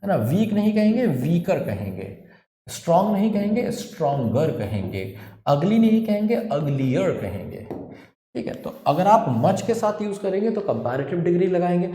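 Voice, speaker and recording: An Indian man teaches English grammar in an online exam-prep class, posing rhetorical questions and answering them himself. His mellow voice swings widely in pitch. He sounds like he is in an echoey room. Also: normal speed. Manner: lively, explains with rhetorical questions.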